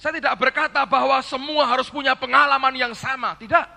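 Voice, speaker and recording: A male preacher with a high, piercing voice tells a story from the pulpit and turns often to address his listeners. His delivery jumps from quiet asides to loud exclamations. The sound carries the long reverb of a large hall. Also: steady tone, brisk, creaky. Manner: storytelling with quoted dialogue, calls the audience "saudara"; swings between hushed low asides and loud high exclamations. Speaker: pastor. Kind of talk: sermon. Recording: echoey hall sermon recording.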